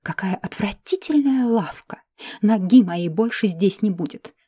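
A woman voicing a prim, indignant elf lady who talks in a shrill, huffy way. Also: animated, a little slow, mellow, breathy edge, no room sound, studio quality.

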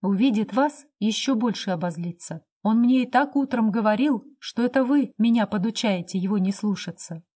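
A woman's voice: mid-range voice, moderate pace, few pauses, mellow, breathy edge, close to an everyday voice. A woman reading the part of a downtrodden wife who speaks with apathetic, bitter pleading.

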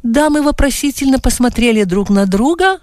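Expressive woman reading an audiobook. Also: on the high side, normal speed, no room sound, studio quality. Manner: expressive storytelling. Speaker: audiobook reader. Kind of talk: audiobook narration.

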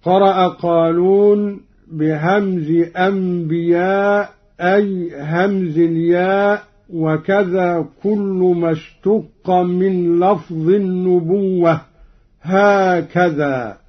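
A man with a somewhat high voice gives a measured radio lesson on Quran recitation. He speaks very slowly, naming each reading and then chanting the verse as an example. The old broadcast recording sounds muffled and lo-fi. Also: fairly even intonation. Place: radio studio.

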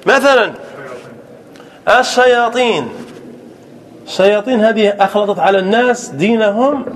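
High-voiced man teaching Arabic grammar. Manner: asks rhetorical questions and repeats examples slowly; dictates examples at a slow, deliberate pace. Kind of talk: classroom grammar lesson.

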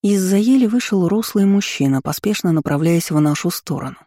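Low dark-voiced woman reading a novel. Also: lively intonation, fairly quick, dry recording, clean studio sound. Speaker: narrator. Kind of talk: first-person audiobook reading.

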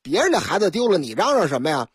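A woman's voice: on the low side, sing-song, rapid-fire, breathy edge, dry recording. A woman from Liaoning hosting a radio show, telling news stories in a chatty, dramatic, colloquial way and acting out the scenes. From Liaoning, China. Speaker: radio host. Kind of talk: storytelling news commentary. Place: radio studio. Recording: dry close studio sound.

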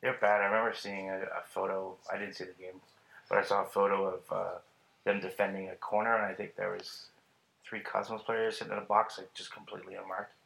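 A man co-hosting a casual soccer podcast, talking over recent games in a relaxed way with fillers. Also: deep voice, a little fast, creaky, low-quality recording. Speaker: podcast co-host. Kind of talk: casual sports chat.

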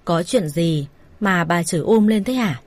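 A woman's voice: on the low side, animated, unhurried, darkish tone, dry recording. A woman doing a weary disappointed father.

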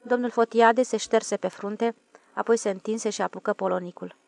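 Gravelly woman narrating an audiobook. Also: mid-range voice, no echo. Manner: steady, measured storytelling.

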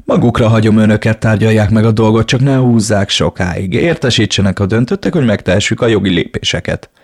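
A man reading an audiobook plays a composed lawyer who explains things in a measured, formal way. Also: on the low side, a little mellow. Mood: brisk. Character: composed middle-aged male lawyer, matter-of-fact.

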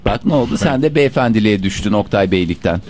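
A man's voice: lowish voice, lively intonation, fast talker, darkish tone, slight background noise. A man co-hosting a morning radio show, teasing and joking with his co-hosts. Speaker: radio host. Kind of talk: casual radio banter.

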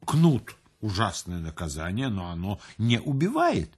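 A man's voice: lowish voice, huge pitch swings, normal speed, darkish tone, husky, voice pushed down, full character voice. A man voicing a sorrowful police chief who breaks grim news solemnly in an audiobook. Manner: solemn, sighing. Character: mournful male police chief, grimly sympathetic.

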